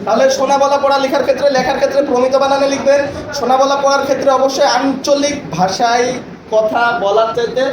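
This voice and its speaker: A man with a very high voice speaks quickly in a fairly even tone. He is training teachers in a classroom lecture, explaining with examples and often checking that his listeners follow. The recording is noisy, captured from far off in an echoey room.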